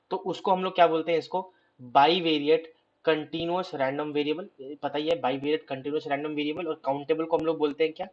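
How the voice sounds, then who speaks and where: A hoarse man teaching a math lecture, asking questions and answering them himself. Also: fairly high pitch, lo-fi sound. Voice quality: clears his throat. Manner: explains step by step, asks and answers his own questions. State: hoarse, scratchy throat.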